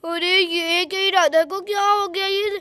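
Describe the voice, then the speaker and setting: A drowsy, clumsy husband, played by a woman, who pleads and coaxes in a bright, high voice. It is dry and close, a homemade doll story. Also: steady tone, unhurried, no echo, full character voice. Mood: pleading. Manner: drowsy, coaxing, apologetic.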